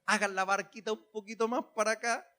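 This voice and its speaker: A man's voice: high-pitched, steady tone, fairly quick, bright, forceful tone. A man voicing a frightened sinking man who begs his friends for help. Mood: pleading.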